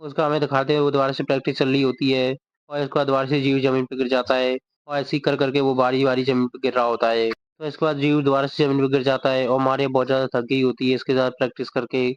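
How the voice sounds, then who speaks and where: Smooth, flat-toned male manga narrator. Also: mid-range voice, quick pace, no echo. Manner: steady storytelling. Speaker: manga explainer. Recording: dull dry recording.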